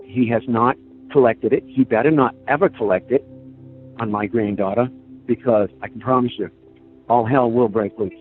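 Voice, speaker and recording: A man's voice: medium pitch, normal speed. An older man telling his story in a rambling, emphatic way, full of fillers, during a casual phone interview. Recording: tinny phone line, faint music.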